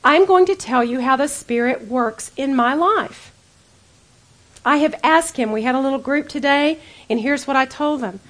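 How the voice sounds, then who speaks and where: A middle-aged woman with a high, light voice gives a Bible teaching to a group of women. She speaks earnestly and conversationally, addressing her listeners directly as if chatting with friends. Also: normal speed.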